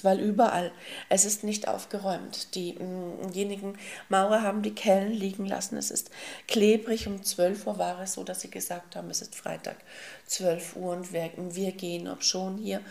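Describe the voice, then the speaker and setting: A woman as a spiritual teacher, telling a slow, emphatic parable and addressing her listeners as souls and beloved ones, with soft humming fillers. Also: mid-range voice, vocal fry.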